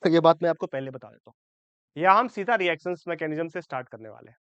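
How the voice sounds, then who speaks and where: A man's voice: a little high, expressive, fast, fairly bright tone, smooth, no echo, muffled recording. A man teaching a chemistry lecture for exam students. He checks in often with his class and corrects his own slips as he goes. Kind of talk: exam-prep lecture in Hindi-English mix.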